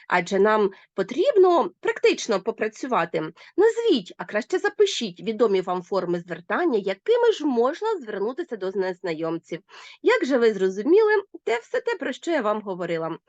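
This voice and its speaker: A woman's voice: a little high, moderate pace, dry recording, highs cut off. A woman teacher giving a recorded grammar lesson, speaking directly to her pupils. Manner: animated, addresses pupils directly.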